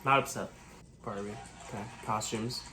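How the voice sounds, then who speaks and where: Excitable man reacting as movie host. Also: on the low side, normal speed. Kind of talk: live awards reaction commentary.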